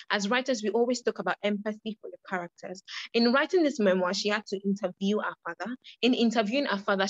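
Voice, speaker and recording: A woman's voice: medium pitch, no echo, lo-fi sound. A young woman leading a creative writing workshop, earnest, often repeating and restarting her phrases. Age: young adult.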